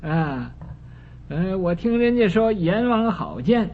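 A man's voice: high-pitched, very animated, slow, heavily acted. A man voicing an indignant, argumentative old male lawyer who protests and argues every point. The recording is dull and lo-fi with a faint hiss. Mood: protesting.

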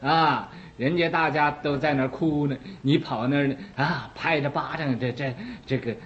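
A man giving a Buddhist dharma lecture, talking slowly and deliberately with many drawn-out "ah" fillers, explaining by acting out small everyday scenes, on a dull lo-fi recording. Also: fairly high pitch, steady tone. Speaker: Buddhist teacher.

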